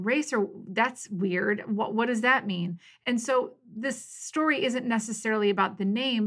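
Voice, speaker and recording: A middle-aged woman hosting her own podcast, talking through a personal story in an encouraging, storytelling way. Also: a little high. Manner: warm, encouraging, storytelling with lively quoted voices. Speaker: podcast host. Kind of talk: casual solo podcast monologue.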